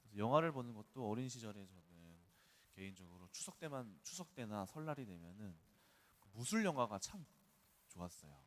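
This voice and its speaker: Preaching at an early-morning church service, a male pastor delivers a dawn sermon in a conversational, storytelling way, sharing personal anecdotes. His voice is fairly low, very animated, and fairly quick, with slight background noise.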